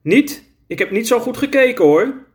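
A man's voice: on the high side, lively intonation, unhurried, voice pushed up. Een man die een opschepperig, druk meisje speelt. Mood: alarmed. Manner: exclamatory, boastful. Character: bold, excitable young girl, bit of a show-off.

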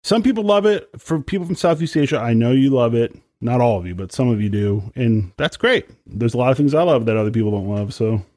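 A man co-hosting a podcast, a musician chatting casually and complaining with drawn-out emphasis. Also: mid-range voice, lively intonation, darkish tone, no echo, studio quality. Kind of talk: casual chat.

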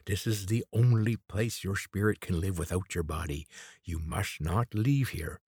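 A man with a husky low voice reading the lines of a desperate, threatening old man who snaps his commands. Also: unhurried, a little mellow, dry recording, studio quality, exaggerated voice. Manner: snapping, threatening.

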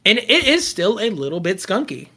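High, very bright young man. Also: big pitch swings, fairly quick, gravelly. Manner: laid-back, agreeable, says "dude". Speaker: podcast co-host. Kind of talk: casual chat.

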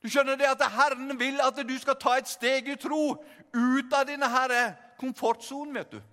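An older male preacher giving a revival sermon, telling stories in a lively, humorous way and acting out the scenes. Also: extremely high pitch. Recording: long reverb in a hall.

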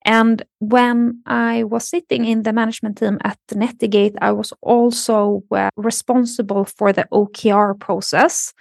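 A woman from Sweden speaking English with a Swedish accent as a podcast guest, explaining in a measured way with soft fillers. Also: fairly high pitch, level tone, vocal fry, dry recording, clean studio sound. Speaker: guest, marketing executive. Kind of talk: podcast interview.

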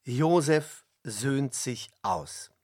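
A man reading a storybook aloud with slow, expressive narration and dramatic pauses. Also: mid-range voice. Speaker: reader.

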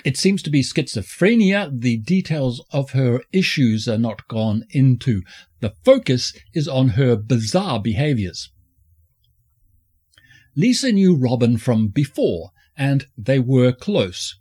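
A man hosting a film review podcast, reading scripted narration in a campy, flamboyant drag-queen manner with a husky voice. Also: mid-range voice, very animated, takes it slowly, darkish tone.

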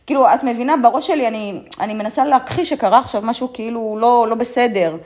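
A young woman telling a personal story in the first person, halting and soft-spoken, with many fillers and restarts that often trail off. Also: fairly high pitch. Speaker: guest sharing a personal story.

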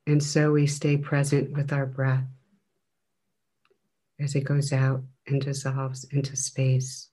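A man guides a meditation at a very slow pace. His delivery is gentle and flat in pitch, with a medium register. Long, measured pauses separate his phrases. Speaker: meditation teacher.

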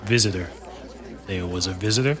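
A man's voice: low voice, a little fast, some chatter behind, close to an everyday voice. A man voicing a blunt, sardonic police detective in an audio drama, questioning witnesses in a dry way. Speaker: detective character.

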